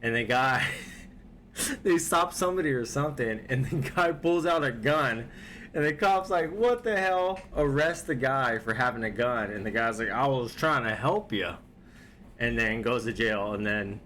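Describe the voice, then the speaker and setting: A man's voice: medium pitch, normal speed, pushed and bright, slight background noise. A man at home giving casual, rambling reaction commentary on videos, loose and laid-back, with lots of filler words.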